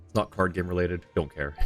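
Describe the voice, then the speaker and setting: With a deep voice at a moderate pace, a man hosts a game livestream, casually rambling through his commentary as he thinks aloud. Game music can be heard in the background.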